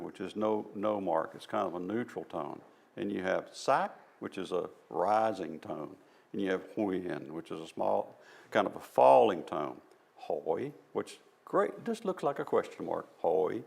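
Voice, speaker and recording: In a church hall, a man from the American South with a fairly low voice and some vocal fry gives an informal presentation. He explains things one step at a time, folksy and self-deprecating, in a Southern US accent.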